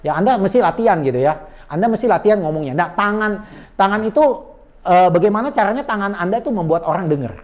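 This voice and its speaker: A man coaching on sales manners in a lively conversational talk, explaining with quick asides and often addressing his listener politely. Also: high voice. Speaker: sales trainer.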